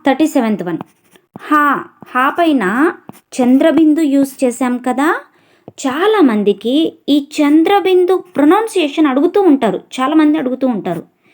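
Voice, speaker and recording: A woman's voice: sits high, darkish tone. A woman teaching a vocabulary lesson, saying each word twice and then giving its meanings. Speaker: language teacher.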